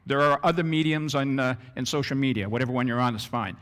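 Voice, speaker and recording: A man giving a business presentation to an audience, animated and acting out little scenes as he talks. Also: mid-range voice, fast. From Canada. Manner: animated, acts out scenarios in character voices. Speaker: business trainer. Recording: long reverb of a hall.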